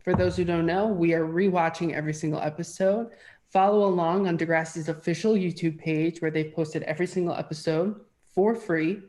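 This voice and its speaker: A young adult woman co-hosting a podcast in casual, animated chat, often gushing and slipping into playful voices. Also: fairly low pitch, a little fast. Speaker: podcast co-host.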